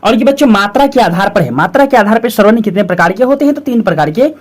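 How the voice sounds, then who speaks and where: Steady teacher restating every definition. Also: mid-range voice. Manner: repeats each definition twice, slow and steady; calls students 'children' and 'friends' often. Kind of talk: grammar lesson for schoolchildren.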